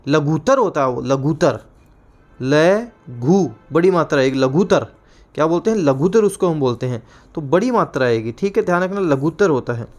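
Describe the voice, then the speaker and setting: A man's voice: a little high, animated, a little fast, a little mellow, faint music behind. A man teaching an exam-prep grammar class, repeating words over and over and giving frequent reminders. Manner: repetitive, drilling words again and again.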